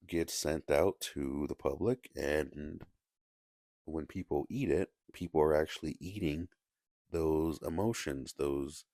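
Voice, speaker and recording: A man giving casual solo commentary in a halting way, with many restarts and fillers, keeping his voice down. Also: very deep voice, creaky, warm tone, no echo, studio quality. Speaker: video essayist.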